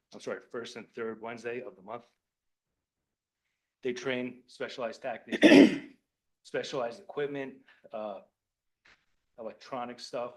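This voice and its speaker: A man who is a police lieutenant, addressing a village board meeting, choked up and halting, apologizing and repeating words as he explains. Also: fairly low pitch, low-quality recording. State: choked up with emotion. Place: municipal meeting room.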